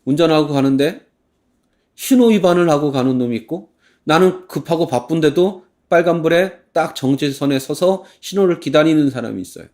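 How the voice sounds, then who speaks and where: A male pastor giving a sermon in church, animated, acting out heated complaints and now and then singing a hymn slowly. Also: fairly high pitch.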